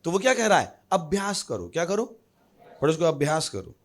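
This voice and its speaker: A male pastor preaching a sermon, lively with humorous asides and questions thrown to the congregation. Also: a little high, brisk. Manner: animated preaching with humorous asides and acted voices.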